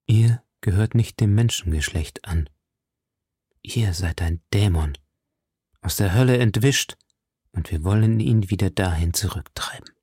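A man's voice: lowish voice, normal speed, mellow, slightly rough, no echo, clean studio sound. A man reading as a cold, stern nobleman. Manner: cold and severe.

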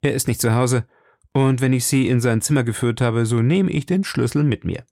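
A man voicing a bold young swordsman who speaks briskly and earnestly to the woman he protects. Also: medium pitch, vocal fry, darkish tone, dry recording, studio quality, close to an everyday voice. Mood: reassuring. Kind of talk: audiobook character voice.

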